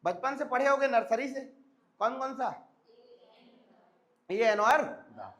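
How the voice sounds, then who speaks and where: Hoarse male teacher drilling a class. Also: very high-pitched, slow, fairly bright tone. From India. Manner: repeats check-in questions to students. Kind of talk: classroom grammar lecture.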